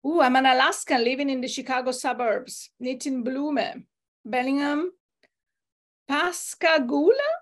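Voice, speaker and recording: A woman's voice: high-pitched, measured pace. A woman hosts a casual group video call, reading out names and places with many fillers. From Italy. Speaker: host.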